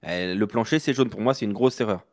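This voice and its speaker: A man's voice: lowish voice, a little fast, no echo, clean studio sound. A man co-hosting a casual sports talk show, insistently repeating his points in a debate. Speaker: co-host.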